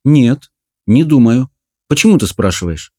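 A man's voice: medium pitch, very animated, unhurried, mellow, voice pushed up. A man voicing a stern, suspicious middle-aged mother who scolds firmly, in an audiobook story. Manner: firm, scolding.

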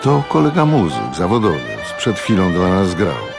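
A man doing a soothing, indulgent husband, very deep. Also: huge pitch swings, moderate pace, creaky, music in the background, exaggerated voice. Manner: soothing, patient. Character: gentle, indulgent older husband. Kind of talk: radio audiobook reading.

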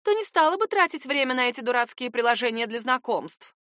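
A woman's voice: on the high side, lively intonation, a little fast, fairly bright tone, no room sound, studio quality. A woman reading the lines of a gossipy, flirtatious Southern woman in an audiobook, in an exclaiming manner. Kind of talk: audiobook character voice.

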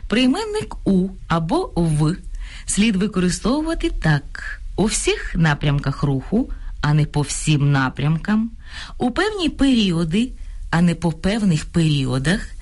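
A woman presenting a language program on radio, reading a script clearly and instructively, listing correct and incorrect phrases. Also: fairly low pitch, big pitch swings, a little slow, darkish tone. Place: radio studio.

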